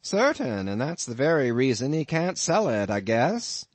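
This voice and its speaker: A man's voice: mid-range voice, big pitch swings, moderate pace, no room sound, voice pushed up. A man voicing a folksy, wry male innkeeper who teases in a drawling rustic dialect. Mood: teasing.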